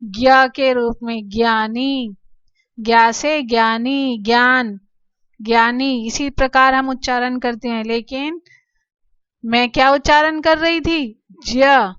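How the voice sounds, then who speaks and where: A woman teaching children Sanskrit letters, explaining slowly and patiently, asking questions and answering them herself. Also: high voice, fairly even intonation, fairly bright tone, smooth, no room sound, muffled recording. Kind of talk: slow classroom explanation to children.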